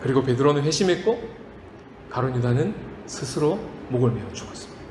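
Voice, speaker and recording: A man preaching a sermon as pastor, swinging from hushed lines to loud emphatic ones. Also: mid-range voice, very animated, a little fast, noisy background. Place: church sanctuary. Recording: reverberant church hall, faint ambience.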